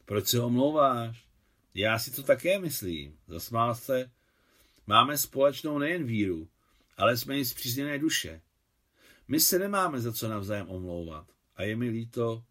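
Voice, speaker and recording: A reflective old man in his eighties, read by a male narrator, speaking sincerely and musing aloud. His tone is earnest and thoughtful, with the unhurried care of a storybook reading. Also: medium pitch, very animated, a bit bright. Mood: warm.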